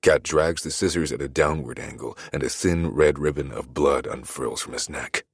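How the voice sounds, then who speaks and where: A man narrating an audiobook in the first person, his voice extremely deep and gravelly with a husky edge. He reads in a brooding, measured way. The recording is close and dry. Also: dry recording.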